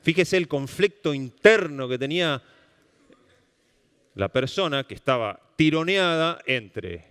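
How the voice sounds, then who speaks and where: A man with an Argentine Rioplatense accent giving a public lecture, animated and often checking in with the audience. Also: mid-range voice, smooth. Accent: Rioplatense Spanish. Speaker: speaker giving a public talk on language. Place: lecture hall at a cultural center. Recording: long reverb of a hall.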